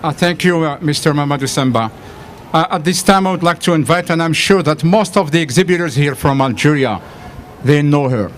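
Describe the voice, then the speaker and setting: Man, emcee, introductions, hesitant, fillers, slightly high voice. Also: brisk, a little hiss or hum. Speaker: master of ceremonies. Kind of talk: event introductions.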